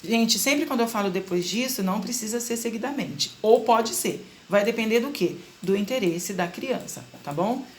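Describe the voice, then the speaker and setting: A woman teacher with a Brazilian Portuguese accent, patiently explaining literacy activities and slowly singing lines of a children's song as examples. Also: on the high side, a little hiss or hum.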